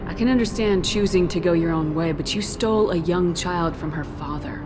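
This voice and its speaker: A tough, level-headed woman commander voiced by an actress speaks over video game music. Her voice is somewhat low, and her delivery is firm and direct. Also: normal speed, lightly acted. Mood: frank. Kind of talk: video game dramatic acting. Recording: game audio with music behind.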